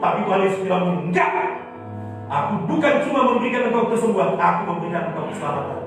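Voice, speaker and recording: A male pastor preaching a sermon, swinging from loud cries to low murmurs. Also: very animated, fast talker. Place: church hall. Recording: echoey hall, distant mic, with music.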